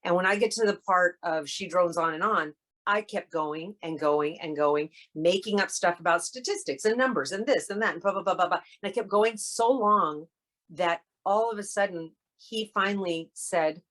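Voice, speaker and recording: A woman guest on an interview show, telling a story in a lively way and acting out the lines of the people in it. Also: fairly low pitch, moderate pace. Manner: animated, acts out quoted dialogue. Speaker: guest actress.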